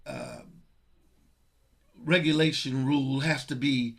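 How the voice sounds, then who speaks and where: A man speaking in a remote meeting over choppy call audio that keeps breaking up, halting and repeating words. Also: mid-range voice, huge pitch swings, vocal fry. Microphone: video call.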